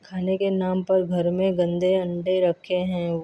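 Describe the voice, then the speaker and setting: A woman's voice: lowish voice, completely flat delivery, slow. A woman voicing a practical young village wife in a storybook tale, who scolds and questions, on a dull lo-fi recording. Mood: questioning.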